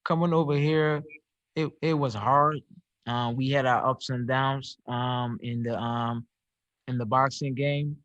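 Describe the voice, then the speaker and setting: A young Barbadian man answering reporters over a video call, his speech flat and even in pitch. He hesitates and repeats words as he works out each answer. The audio is dry and a little dull, like a home setup. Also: no echo. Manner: halting, repeats words as he searches for them. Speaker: professional boxer. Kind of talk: press call interview answers.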